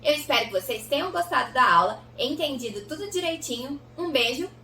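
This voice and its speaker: A woman with a Goiás Brazilian accent teaches children to read. Her voice is high, bright and very lively as she stretches out each sound. She is recorded a bit off-mic in a roomy, echoey space. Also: distant mic, slight background noise. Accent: Goiás Brazilian Portuguese. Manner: slow, exaggerated sound-by-sound enunciation. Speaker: literacy teacher. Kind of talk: children's phonics lesson.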